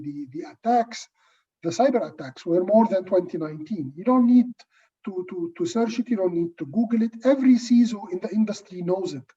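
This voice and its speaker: A man, an Arabic speaker, speaking on a panel in a halting way, often repeating words and restarting. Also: high voice, mellow, husky. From Egypt. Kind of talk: panel discussion. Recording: distant, muffled video-call audio.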